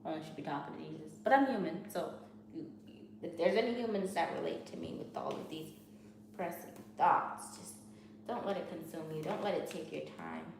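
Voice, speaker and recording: Creaky, on the low side, and a little fast, this student vlogger's voice carries a Haitian Creole accent. She rambles candidly about her studies, often starting over and repeating herself, in a noisy, very echoey room.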